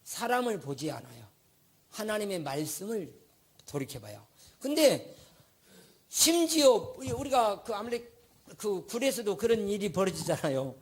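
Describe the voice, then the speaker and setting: Husky animated Korean male pastor preaching. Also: high-pitched, moderate pace, pauses often. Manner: animated storytelling preaching with questions to the congregation. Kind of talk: sermon.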